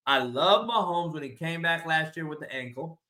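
A man hosting a casual sports debate, loud, opinionated and ribbing, blunt and profane, repeating his points for emphasis. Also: a little high, lively intonation, moderate pace. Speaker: sports talk show host.

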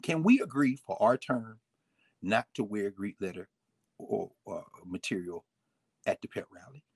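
Animated husky man telling stories. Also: lowish voice, unhurried, dry recording. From United States. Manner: animated, emphatic, quotes people in changing voices. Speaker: guest speaking on fraternities and history. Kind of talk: casual storytelling conversation.

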